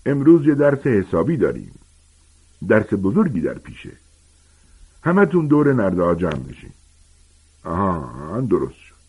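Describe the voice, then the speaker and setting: A man voicing a huge, gentle, clumsy half-giant teacher, with loud, hearty, colloquial speech in a husky voice. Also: fairly low pitch, huge pitch swings, pauses often, full character voice.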